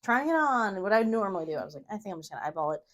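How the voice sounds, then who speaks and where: A woman's voice: mid-range voice, very animated, rapid-fire, fairly bright tone. A woman hosting a crafting video, chatting casually and rambling in a self-deprecating, giggly way as she works. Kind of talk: casual brainstorming chat while sewing.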